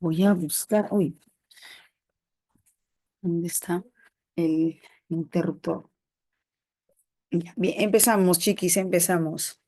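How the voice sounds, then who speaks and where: A woman's voice: fairly even intonation, takes it slowly, pauses often, warm tone. A woman teaching an online prep class, greeting students by name and calling them "chiqui" in a casual, affectionate way. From Peru. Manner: acts out quoted relatives in higher voice.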